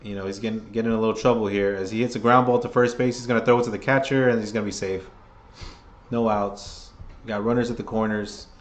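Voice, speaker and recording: Man, hoarse, casual fan play-by-play host, rambling and opinionated. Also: lowish voice, steady tone, fast talker. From New York. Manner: rambling, opinionated, restarts phrases often. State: hoarse, losing his voice.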